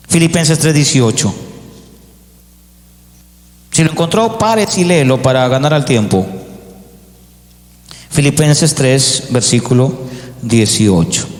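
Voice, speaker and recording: A man preaching a sermon as pastor, rising to emphatic peaks and acting out the voices of doubters. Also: on the high side. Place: church. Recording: echoey church hall.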